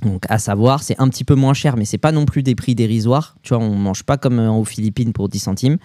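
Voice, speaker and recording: Chatty French man with a mellow voice. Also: mid-range voice, a little fast, no echo, clean studio sound. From France. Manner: animated storytelling with slang and fillers. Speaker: podcast co-host. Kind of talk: casual chat.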